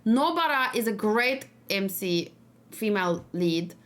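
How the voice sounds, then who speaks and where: A woman streamer chats casually about a game on a livestream, thinking aloud and musing informally. She works as a streamer and reaction host, and her mid-range voice is expressive, unhurried and fairly bright.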